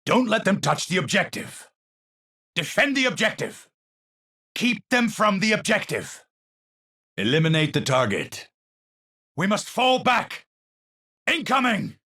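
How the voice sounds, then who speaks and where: Sigma, an eccentric, swooping Dutch astrophysicist. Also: male voice, high voice, very animated, pushed and bright, exaggerated voice. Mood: urgent, commanding. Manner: theatrical, professorial, slow and deliberate wording. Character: eccentric, unstable male astrophysicist, learned and grandiose. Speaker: video game character voice. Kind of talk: video game voice lines.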